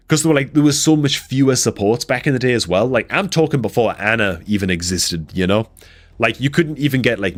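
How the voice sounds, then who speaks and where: A man chatting casually on a live game stream, laid-back and full of "man" and "dude", his voice congested and a bit rough from a cold. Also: medium pitch.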